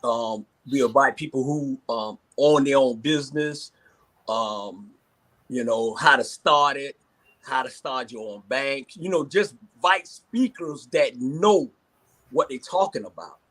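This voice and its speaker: A man's voice: medium pitch, a little slow, a bit bright, rough recording. A man in his sixties with a Southern American accent speaking informally as a panelist in a casual discussion, often repeating his phrases. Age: 60s.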